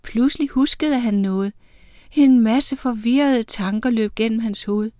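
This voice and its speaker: A woman narrating a children's storybook in a clear, steady storytelling voice. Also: fairly high pitch, dry recording, clean studio sound. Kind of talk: storybook reading.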